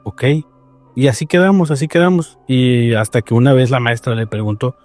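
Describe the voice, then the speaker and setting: A man with a Mexican accent telling paranormal stories in a casual podcast chat, animated and rambling with many restarts. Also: medium pitch, normal speed, no echo, faint music behind.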